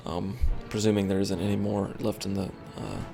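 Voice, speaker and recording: A man's voice: low-pitched, fairly even intonation, normal speed, gravelly, music in the background. A tired man streaming a game, rambling and thinking aloud with lots of fillers as he comments casually.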